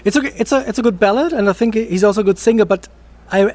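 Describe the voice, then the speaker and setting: A man's voice: high-pitched, fast, darkish tone. A man giving opinions on a panel, hesitant and often restarting his words. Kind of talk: casual panel discussion.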